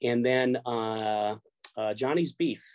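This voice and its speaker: Speaking slowly at medium pitch, he has a clear, resonant tone in a dry recording. He's a middle-aged guest from Chicago who runs a poker show, casually chatting, repeating himself and cursing freely.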